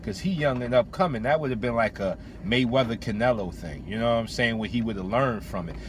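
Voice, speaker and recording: Brisk and medium-pitched, a man hosts opinionated boxing commentary in casual, slangy fashion, repeating phrases for emphasis. He's in or by a vehicle, with background noise.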